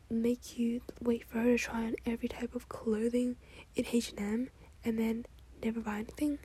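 High, breathy whispering young woman. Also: mellow. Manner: whispering, heavy "like" fillers, catty. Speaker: roleplayer addressing the listener. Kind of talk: whispered ASMR roleplay.

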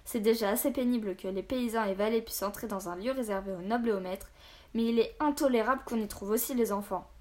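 A woman's voice: a little high, quick pace, a little mellow, lightly acted. A woman voicing an arrogant red-haired male captain who speaks with sardonic menace in a storybook reading. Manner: sardonic, threatening.

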